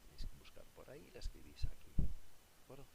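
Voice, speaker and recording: A man's voice: mid-range voice, wildly swooping pitch, quick pace, gravelly. A man teaching a recorded lesson, explaining a worksheet patiently and often checking in with his pupils. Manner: patient, often asks "¿de acuerdo?". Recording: loud background noise with clicks.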